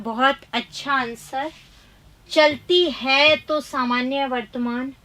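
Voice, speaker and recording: A woman teaching a live online grammar class, briskly reading quiz questions and options aloud, then giving and explaining the answers with emphatic, chiding remarks. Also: high-pitched, bright, forceful tone.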